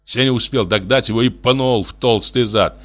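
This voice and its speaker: A man reading a literary story aloud, telling it in an expressive, acted way. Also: medium pitch, normal speed. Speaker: narrator.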